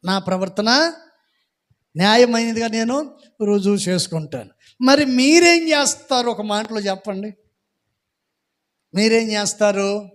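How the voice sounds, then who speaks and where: A pastor preaching a sermon, animated, acting out the people he quotes and raising his voice to a shout. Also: extremely high pitch. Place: church hall.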